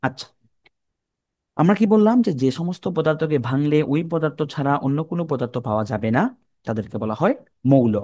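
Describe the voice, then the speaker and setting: A man's voice: fairly high pitch, animated, fairly quick, dark tone, dry recording. A young man with a Bangladeshi Bengali accent teaching a chemistry class, informal and repetitive, who asks students questions and answers them himself. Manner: repeats terms, colloquial speech.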